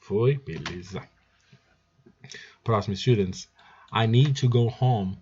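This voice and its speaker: A man's voice: lowish voice, slow pace, warm tone, highs cut off, a little hiss or hum. A man with a Brazilian Portuguese accent teaching English, drilling each phrase by repeating it and often calling out to his students. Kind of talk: recorded language lesson.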